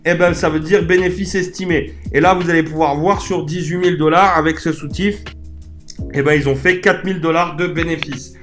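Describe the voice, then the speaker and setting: A man's voice: fairly high pitch, fairly even intonation, a little fast, a bit bright, soft background music. Chatty man giving a screen-share tutorial. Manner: chatty and informal, with frequent hesitations and self-corrections. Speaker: e-commerce coach.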